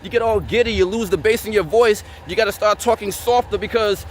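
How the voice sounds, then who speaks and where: A man with a notably high voice delivers a blunt vlog rant, confrontational and preachy, repeating his lines for emphasis. Faint street and car noise hum behind him outdoors. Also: a little fast. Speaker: vlogger. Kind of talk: blunt motivational rant to camera.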